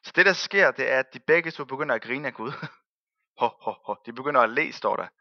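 A man preaching a sermon and telling the story in a lively way, acting out the people he quotes and laughing often. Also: mid-range voice, dry recording, muffled recording.

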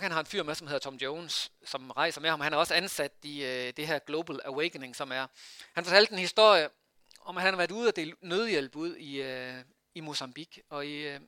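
A man preaching a sermon in a conversational way, asking his listeners rhetorical questions and pausing often on fillers. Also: on the high side, pushed and bright, smooth, no room sound.

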